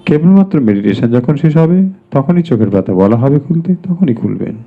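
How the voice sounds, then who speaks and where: A man leading a guided meditation as a teacher, giving slow, measured instructions with pauses between them. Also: medium pitch, sing-song, creaky. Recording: dull, lo-fi sound.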